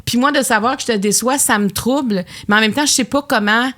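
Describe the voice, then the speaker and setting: A woman's voice: on the high side, fairly quick, a bit bright. Reflective Québécoise woman host. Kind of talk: intimate interview.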